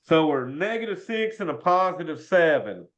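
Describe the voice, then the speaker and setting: Casting: male algebra teacher, Southern US accent, folksy and informal, highish pitch, muffled video-class sound. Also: animated, moderate pace. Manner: folksy, says y'all often. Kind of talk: informal worked-example math lesson. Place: indoors, online video class. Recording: dull lo-fi online class audio.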